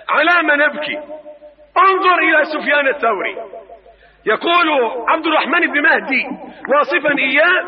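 A man preaching an impassioned sermon, moving from hushed tones to shouted, chanted appeals. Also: extremely high pitch. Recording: distant, dull lo-fi recording.

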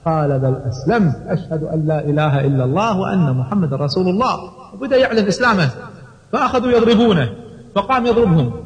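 A man's voice: sits high, a little mellow. A man preaching in a storytelling way, dramatically acting out the quoted speech. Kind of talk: sermon storytelling. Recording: long hall reverb.

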